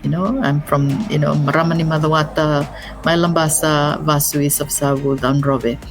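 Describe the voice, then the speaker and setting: A middle-aged Fijian woman talking as an interview guest, her voice sitting low in pitch. She speaks earnestly and often circles back over her words, with soft music faintly under her. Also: fairly even intonation, normal speed. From Fiji. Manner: earnest, repeats and restarts words. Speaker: business advisor, guest. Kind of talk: interview conversation.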